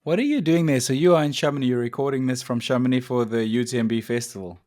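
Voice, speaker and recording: A man's voice: medium pitch, quick pace, darkish tone. A man co-hosting a podcast in casual chat, teasing his co-host and laughing often.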